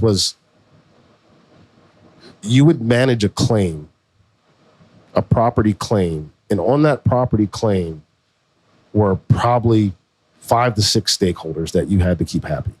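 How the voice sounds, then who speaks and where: A man in his forties, a podcast co-host, telling his story in a relaxed, slangy way. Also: on the low side, unhurried, pauses often, husky, no echo. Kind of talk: casual conversation.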